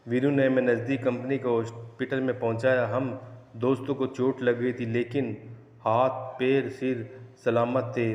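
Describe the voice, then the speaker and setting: A man narrating horror stories in a measured, steady manner, recorded in an echoey room. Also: medium pitch, highs cut off. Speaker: storyteller. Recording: echoey room with long reverb.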